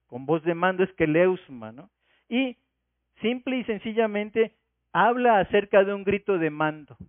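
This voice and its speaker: A man's voice: high-pitched, dry recording. A man preaching a Sunday sermon, expounding scripture and asking rhetorical questions. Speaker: pastor. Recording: tinny phone-like radio sound.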